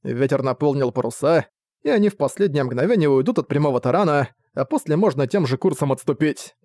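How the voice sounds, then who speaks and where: A man reading a novel aloud as narrator, in a steady, measured way. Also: on the high side, dry recording, studio quality.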